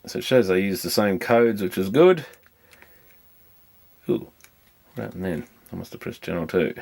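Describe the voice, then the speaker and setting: Here the repairer's voice is low and darkish, with vocal fry, yet fairly expressive, moving at a moderate pace. He presents the video by musing aloud in a relaxed, meandering, practical manner while working through the electronics.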